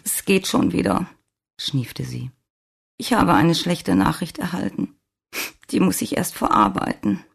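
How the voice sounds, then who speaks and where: A woman's voice: sits low, moderate pace, creaky, darkish tone, breathy edge, pitched above the performer's own voice, full character voice. A reader voicing a distraught young woman who is crying and pleading in a German audiobook. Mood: shaken, pleading.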